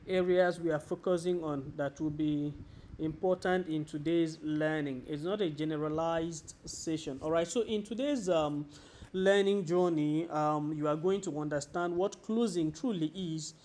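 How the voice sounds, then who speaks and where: A sales coach with a Nigerian accent gives a training presentation, instructive and deliberate, posing rhetorical questions. His voice is fairly high-pitched with a darkish tone.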